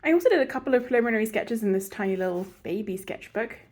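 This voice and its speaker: A woman's voice: a little high, animated, very fast, a little mellow. A woman with a stuffy, congested voice from a cold, hosting a casual drawing and painting tutorial in a chatty, rambling, self-mocking way. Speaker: art channel host.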